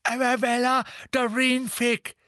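A man's voice: extremely high pitch, flat delivery, slow pace, pushed and bright, clear, resonant tone, no room sound, studio quality, voice pushed up, heavily acted. A man doing a quavering old neighbour woman. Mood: nervous. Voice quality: shaky, quavering. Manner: indignant, babbling. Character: nervous, quirky older woman, shaky voice.

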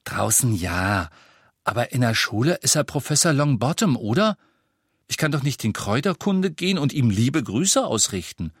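A man voicing an excited, breathless schoolboy who blurts out gossip. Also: medium pitch, moderate pace, breathy edge, no echo, studio quality, voice pushed up. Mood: teasing. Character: excited boy James, loud, breathless, boastful.

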